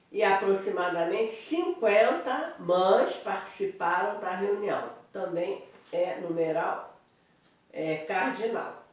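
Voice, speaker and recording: A woman teaching Portuguese grammar in an online review lesson, explaining step by step and checking in with her students. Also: medium pitch. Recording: very echoey room, voice from a distance.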